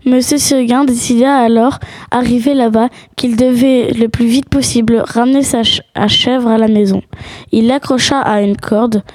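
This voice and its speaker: Reading a storybook tale aloud, this female narrator has a fairly high, slightly mellow voice with fairly even intonation and a moderate pace. The sound is close and dry, without room echo.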